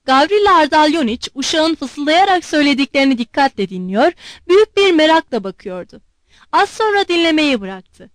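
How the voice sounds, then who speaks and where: A woman narrating a classic novel as an audiobook, clear and measured. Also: high voice, animated, no echo. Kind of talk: scripted narration.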